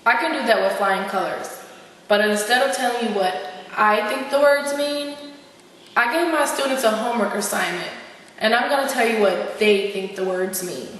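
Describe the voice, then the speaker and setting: A slang-spouting male philosopher rants with indignant sass, as a woman acts him out in an amateur skit. The voice sits at a middle pitch. It comes from far across a hall with a long, heavy echo. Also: brisk, fairly bright tone, lightly acted. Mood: ranting. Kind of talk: amateur skit role-play.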